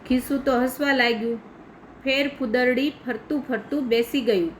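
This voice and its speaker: High-voiced woman teacher reading a story. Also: fairly even intonation, normal speed, a little hiss or hum, poor audio. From India. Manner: patient, explanatory asides. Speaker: primary school teacher. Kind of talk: reading aloud and explaining a story.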